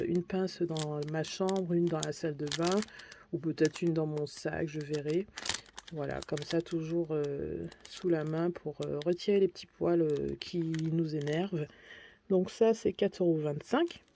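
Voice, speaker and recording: A woman's voice: fairly low pitch, mellow. A woman vlogger chatting casually through a shopping haul, gushing about each purchase. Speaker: beauty and lifestyle vlogger.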